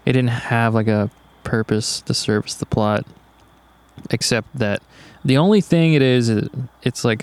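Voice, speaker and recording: A young man with a gravelly, fry-edged voice co-hosts a podcast, drifting through his thoughts in a laid-back, rambling way and swearing freely. He is recorded outdoors in the woods at night, and his voice sits at an ordinary middle pitch. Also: a little mellow. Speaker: podcast co-host. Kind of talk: casual chat.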